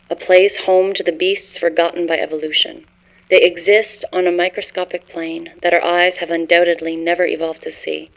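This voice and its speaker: A woman's voice: on the low side, gravelly, poor audio. A woman narrating a scripted horror story as a haunted scholar, in a grave, literary first-person manner. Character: haunted scholar confessing forbidden cosmic horror discovery.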